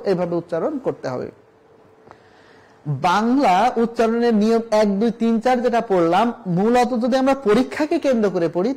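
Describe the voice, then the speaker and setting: A man's voice: very high-pitched, a little mellow, low-quality recording. A man, a college Bengali lecturer, teaching pronunciation rules to students, repeating example words and asking rhetorical questions. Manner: addresses students directly, asks rhetorical questions. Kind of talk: recorded classroom lesson on pronunciation.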